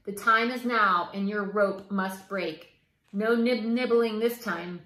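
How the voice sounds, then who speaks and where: A woman's voice: mid-range voice, steady tone, takes it slowly, sharp tone. A woman reading aloud and voicing a scheming, vengeful male rat in whispered role-play, in a roomy echo. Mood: gloating. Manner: whispered, gloating.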